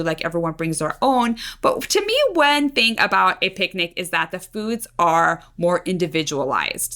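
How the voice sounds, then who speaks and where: A young adult woman co-hosting a podcast in relaxed casual chat, often using "like" as a filler. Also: mid-range voice. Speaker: podcast co-host.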